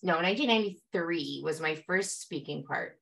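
Bright-voiced, lower-pitched middle-aged woman. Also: normal speed, gravelly. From Canada. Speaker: film producer, interview guest. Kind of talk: casual conversation.

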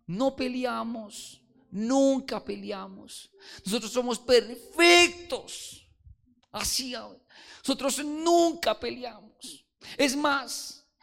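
A man voicing a plump older male pastor who sounds sweet, fussy and self-satisfied, in a slow, drawn-out way. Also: extremely high pitch, gravelly, a bit bright, pitched above the performer's own voice, heavily acted. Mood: smug.

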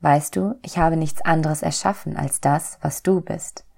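A kindly, patient God from a storybook, read by a woman, explaining things gently and calmly. The voice sits low and mellow with a gravelly edge. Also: unhurried, heavily acted. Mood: gentle. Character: kind, calm, patient God, fatherly. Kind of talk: storybook reading.

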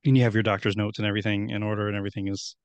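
A man in his thirties with a lowish voice hosts a podcast in a loose, rambling way. He speaks close to the mic in a dry room. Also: little pitch movement, rapid-fire, no room sound. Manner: rambling, friendly, with many restarts. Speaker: podcast host. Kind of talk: casual podcast chat.

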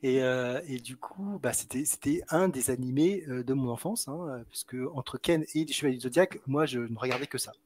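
A man's voice: medium pitch, fairly quick, few pauses, darkish tone, dry recording. A man co-hosting an online podcast, talking casually with many fillers and restarts. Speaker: podcast co-host.

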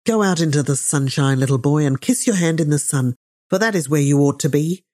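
A woman's voice: sits low, brisk, dark tone, voice pushed down, natural voice. A woman reading the part of an outspoken, blunt old man in an audiobook, with a declamatory delivery. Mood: indignant. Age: older.

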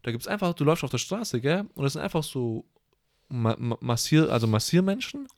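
A young man talks in a loose, rambling way, full of slang and crude jokes. His voice sits at an everyday middle pitch. The recording is dry and close. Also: big pitch swings, fairly quick, darkish tone, no room sound. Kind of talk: casual slangy chat.

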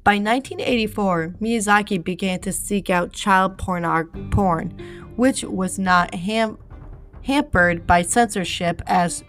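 Hiccuping her way through a true-crime script, a woman with a mid-range voice keeps tripping over words and saying sorry. She adds casual asides and leans heavily on filler words.

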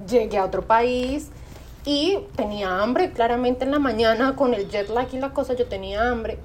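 A young adult woman with a Colombian accent, co-hosting a casual podcast and telling stories in an animated way. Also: fairly high pitch, moderate pace, slight background noise. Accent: Colombian Spanish. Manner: chatty storyteller, animated. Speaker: podcast co-host.

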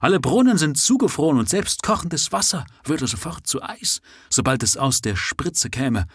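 A man's voice: mid-range voice, wildly swooping pitch, takes it slowly, husky, no echo, clean studio sound, pitched above the performer's own voice, full character voice. A man voicing a frenzied male writer who bursts into wild, exultant exclamations. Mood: frantic. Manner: wild exclamations, rising to shouts.

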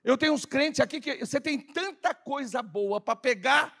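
A man preaching a lively sermon in church, firing rhetorical questions and calling for responses. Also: very high-pitched, moderate pace, gravelly. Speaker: pastor. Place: church service.

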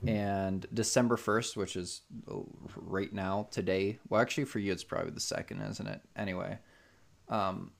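Gravelly and lowish, this man's voice moves at a moderate pace but stays animated as he hosts a podcast over a voice call. His talk is casual and rambling, full of fillers and restarts.

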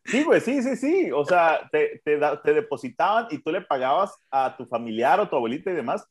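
A man's voice: a little high, very animated, a little fast. A man with a Sonoran, northern Mexican accent chatting casually as a podcast co-host in slangy frat-bro talk. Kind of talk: casual chat.

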